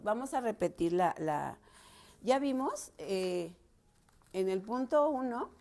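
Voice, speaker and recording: A woman's voice: on the high side, darkish tone. A woman with a Mexican Spanish accent teaching a lesson on preaching, talking to the listener directly in a casual way, with restarts and fillers. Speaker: preaching instructor.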